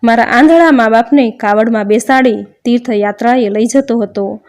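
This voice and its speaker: A man's voice: very high-pitched, moderate pace. Dying young son of legend, faltering and broken, read by a woman storyteller. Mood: despairing.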